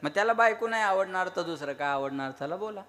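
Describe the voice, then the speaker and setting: A man's voice: high voice, expressive, fast. A man with a Marathwada Marathi accent preaching a devotional kirtan sermon, firing rhetorical questions and prodding the crowd to answer.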